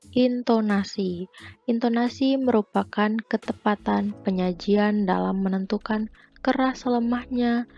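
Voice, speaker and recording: A young woman student presenting a lesson as a voice-over for slides, reading in a measured way that lists points one by one. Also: medium pitch, mellow, lo-fi sound. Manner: measured, read-aloud listing. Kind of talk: scripted lesson narration.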